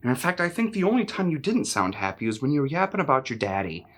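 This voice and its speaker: Burnt-out crisis counselor: mid-pitched, husky, confrontational, crude. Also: male voice, very animated, fast talker, a bit bright. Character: burnt-out, cynical male hotline counselor. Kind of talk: film drama acting.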